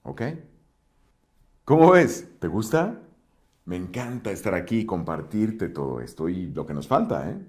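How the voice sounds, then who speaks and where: A man teaching a voice-over lesson, explaining microphone technique into a close studio mic and demonstrating with his own voice. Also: normal speed. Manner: expressive teaching, swings pitch widely to demonstrate. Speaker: voice-over instructor.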